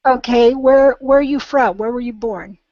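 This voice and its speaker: A woman's voice: a little high, moderate pace, mellow, dry recording, lo-fi sound. A woman teaching a live online English class, patient and encouraging, with many ums.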